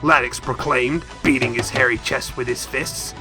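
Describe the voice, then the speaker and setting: A man narrating a silly, crude fight story in a deadpan, mock-epic storytelling style. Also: mid-range voice, normal speed, soft background music. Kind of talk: comic scripted narration.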